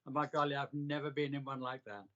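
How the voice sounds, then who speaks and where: An older man telling reflective personal stories in an interview, with a measured, emphatic delivery in short, deliberate phrases. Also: mid-range voice, steady tone, bright, forceful tone, highs cut off. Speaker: interviewee recounting a hospital stay.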